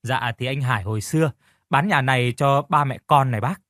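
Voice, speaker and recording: A man's voice: medium pitch, brisk, fairly bright tone, dry recording, studio quality, natural voice. A man voicing a downcast young husband and fish farmer who speaks politely to his elder and snaps at his wife. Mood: deferential. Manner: polite and deferential, flaring angry at his wife. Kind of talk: audiobook character reading.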